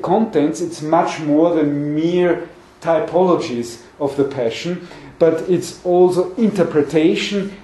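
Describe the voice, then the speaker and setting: With a fairly high, warm voice, the forties-aged academic lecturer works through his seminar lecture, stumbling and repeating words as he looks for how to put things. He's in an indoor meeting room with a conference table, picked up by a far-off mic in an echoey space.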